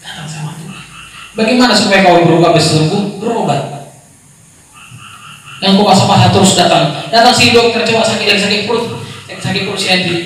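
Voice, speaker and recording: A man preaching a sermon at a youth church service, animated, asking rhetorical questions and acting out scolding voices. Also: sits high, fairly quick, long pauses. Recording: echoey hall, far from mic, faint noise.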